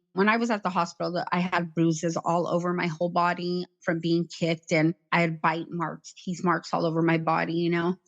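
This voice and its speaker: A middle-aged woman recounting her past in an interview, in a plain, halting way with many "like" fillers. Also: fairly low pitch, highs cut off. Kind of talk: personal account in conversation.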